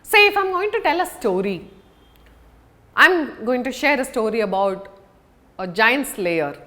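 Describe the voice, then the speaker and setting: A woman coaching public speaking leads an instructional lesson in a sing-song voice on the high side that sounds pushed and bright. She places deliberate, emphatic stress with pauses.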